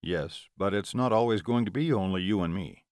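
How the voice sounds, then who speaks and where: A calm, affectionate male vampire, voiced by a male narrator, speaking low and reassuringly. His voice sits deep and is recorded close and dry. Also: moderate pace, no room sound.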